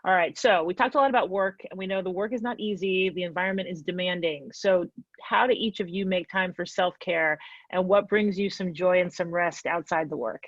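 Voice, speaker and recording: A woman's voice: lowish voice, brisk, dry recording, muffled recording. A woman moderating a panel discussion, guiding questions and responding appreciatively.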